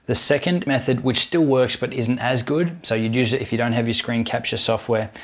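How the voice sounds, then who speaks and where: A man in his thirties hosts a scripted how-to tutorial, narrating clear step-by-step instructions in a mid-range voice.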